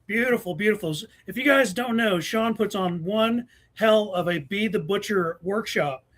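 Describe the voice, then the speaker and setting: An American man hosts a live preparedness show, chatting casually and effusively as he brings on guests. His voice is high-pitched and a bit bright, at a normal speed.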